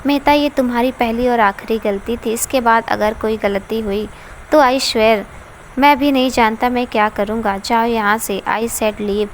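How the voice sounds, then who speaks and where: A woman's voice: a little high, steady tone, measured pace, slight background noise. A woman reading a story aloud, voicing a furious, domineering young man who scolds harshly. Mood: angry scolding.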